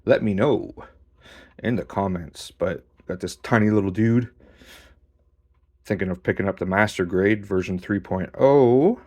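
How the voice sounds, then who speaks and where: Low-voiced man casually reviewing a model kit. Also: measured pace. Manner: relaxed, swears casually, talks while posing a figure. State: out of breath. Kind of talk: casual hands-on toy review.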